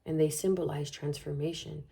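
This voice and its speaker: This tarot reader has a deep, creaky, mellow voice and talks at a normal speed with fairly even intonation. She moves through the reading in a soothing, flowing manner, repeating herself and often asking "okay?".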